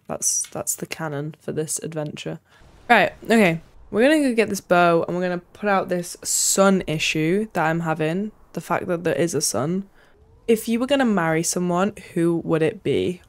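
At a normal speed and fairly low pitch, a young female streamer chats playfully about her game and keeps muttering to herself. She's in a small room at home, using a desk mic up close along with a headset.

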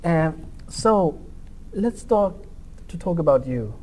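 A middle-aged Swede with a Swedish accent questions a guest at a table in an indoor lounge, friendly but halting, with lots of fillers and false starts. His voice is slightly high, expressive, a little mellow, and slow, on a low-quality recording with a faint hiss or hum.

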